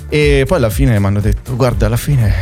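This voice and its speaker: Musicista ospite, voce media, musica leggera sotto. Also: male voice, medium pitch, fast talker, darkish tone, soft background music. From Italy. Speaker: guest musician. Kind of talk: casual interview chat.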